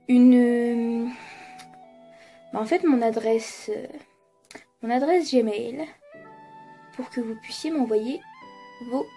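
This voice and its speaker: In a relaxed vlog from her apartment, a young YouTuber talks to the camera in a mellow, fairly high voice. She's self-mocking, laughs frequently, and swears without holding back, while music plays faintly behind her.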